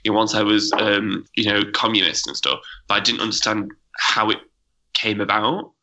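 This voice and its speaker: A man's voice: on the low side, little pitch movement, moderate pace, sharp tone, low-quality recording. A man in his thirties chatting casually on a podcast, rambling and hesitant with lots of fillers. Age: 30s. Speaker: podcast panelist. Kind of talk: casual chat.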